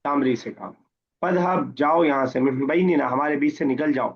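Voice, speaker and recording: Male Arabic teacher, mid pitch, husky, slow recitation and plain explanation, dull lo-fi line. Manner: reads the Arabic slowly, then explains in Urdu and quizzes students. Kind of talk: online class lesson, word by word. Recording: muffled lo-fi online class audio.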